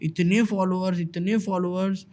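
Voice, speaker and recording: A male content creator telling animated stories in a casual chat, mixing English words into his Hindi. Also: high-pitched, normal speed, over a noisy crowd.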